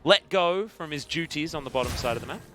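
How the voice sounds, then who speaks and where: Casting: Australian man, esports play-by-play caster, bright excitable calls, fairly high voice, music under. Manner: excitable, jokey, fast bursts of rising calls. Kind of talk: play-by-play commentary.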